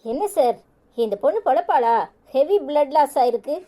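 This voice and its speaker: A woman voicing a timid young nurse who speaks low and apologetically, with a Tirunelveli Tamil accent. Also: animated, moderate pace, mellow. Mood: apologetic.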